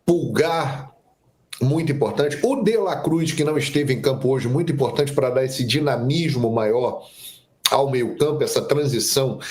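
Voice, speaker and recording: Animated man commenting on football. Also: medium pitch. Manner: opinionated, animated delivery. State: nagging cough. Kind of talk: sports commentary show.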